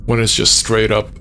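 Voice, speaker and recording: A man's voice: on the low side, gravelly, pushed and bright. A man streaming a horror game, talking casually and enthusiastically to his viewers with chuckles. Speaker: gaming streamer. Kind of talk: casual gameplay commentary.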